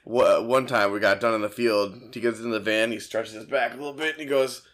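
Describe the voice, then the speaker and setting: A young man from Michigan co-hosting a podcast in a relaxed beer-drinking chat. His voice sits at a middle pitch. He tells stories with lively energy and drops swear words without a second thought. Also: brisk. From Dearborn, Michigan, US. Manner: animated storyteller, swears freely, laughs often. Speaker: podcast co-host. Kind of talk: casual chat over beer.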